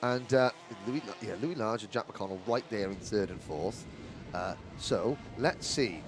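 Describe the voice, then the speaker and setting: A man's voice: fairly low pitch, expressive, unhurried. A man commentating live on motorsport, with chatty, jokey, rambling asides. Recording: outdoor trackside with clear engine noise.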